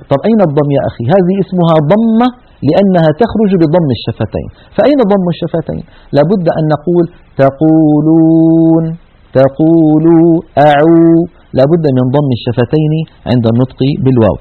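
A man's voice: on the high side, slightly rough. A man teaching Quran recitation in an earnest tajweed lesson, demonstrating each sound. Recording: tinny narrow-band radio sound.

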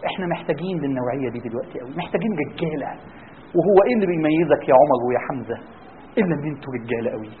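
Impassioned Egyptian preacher, tinny sound. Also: male voice, mid-range voice, animated, rapid-fire. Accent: Egyptian Arabic. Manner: impassioned, pleading. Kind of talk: sermon ending in a long supplication. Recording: tinny phone-like sound with faint noise.

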